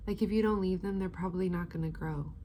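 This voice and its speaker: A woman's voice: on the low side, fast talker, warm tone, slight background noise. A woman giving a casual, chatty spiritual reading in a laid-back, slangy stoner manner, rambling and drawing out words. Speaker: tarot-style spiritual advice reader.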